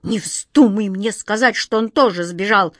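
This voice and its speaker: A woman's voice: medium pitch, unhurried, fairly bright tone, no echo, studio quality. Woman playing a whiny fretful king. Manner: whiny, commanding, easily flustered. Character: petulant, fretful fairy-tale king, old man.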